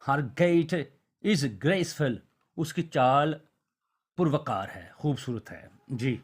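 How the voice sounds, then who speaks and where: A man teaching an English vocabulary lesson, who reads example sentences very slowly and then explains them quickly. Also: a little high, lively intonation.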